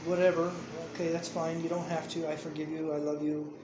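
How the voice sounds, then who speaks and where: A man's voice: on the high side, flat delivery, brisk, echoey room, noisy background. A middle-aged man, a father speaking earnestly to his estranged child in a personal video message, pleading and insistent. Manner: earnest, pleading, drifts between soft mumbling and heated insistence.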